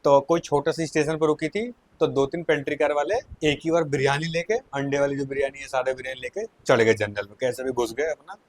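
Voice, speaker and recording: A man casually telling a personal anecdote, animated and often laughing as he goes. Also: mid-range voice, a little fast, hardly any pauses, no echo. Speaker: storyteller.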